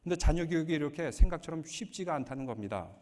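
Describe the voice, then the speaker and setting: A man's voice: fairly high pitch, quick pace. A man preaching as a pastor, mixing humorous stories into his sermon. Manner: joking, lively storytelling. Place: church sanctuary. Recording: long hall reverb.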